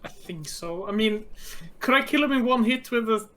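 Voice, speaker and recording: Eager tabletop player, mid-pitched voice. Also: lively intonation, moderate pace, fairly bright tone. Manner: eager, describes actions step by step. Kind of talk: casual tabletop play.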